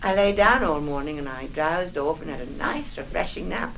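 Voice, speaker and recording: A woman's voice: deep voice, expressive, normal speed, vocal fry, slight background noise, low-quality recording. An actress in 1960s film acting playing a nervous, fragile middle-aged mother who talks anxiously and defensively, rambling on.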